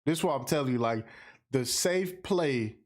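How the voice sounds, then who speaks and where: Medium-pitched and expressive, this American podcast host talks at a moderate pace during a casual livestream. He responds to viewer comments with slang and emphasis, repeating phrases to drive points home.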